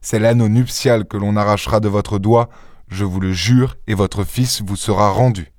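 A man voicing a calm, commanding gentleman who speaks firmly and reassuringly in an audiobook. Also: on the low side, no room sound, clean studio sound, natural voice. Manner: firm, reassuring, measured. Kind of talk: audiobook character reading.

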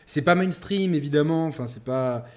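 A man's voice: fairly high pitch, normal speed, a little mellow. A man co-hosting a gaming podcast, talking in a casual, slangy and enthusiastic way. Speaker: podcast co-host. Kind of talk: casual chat.

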